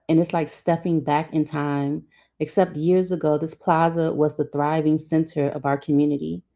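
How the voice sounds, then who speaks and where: A woman's voice: low-pitched, dark tone. A woman reading a novel aloud, voicing the dialogue expressively. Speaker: reader.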